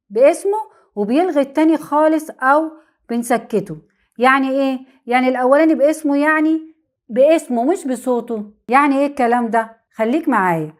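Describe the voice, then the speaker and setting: A high-pitched woman with an Egyptian Arabic accent gives an English lesson about vowel rules. She repeats example words at a slow pace and asks questions that she answers on her own.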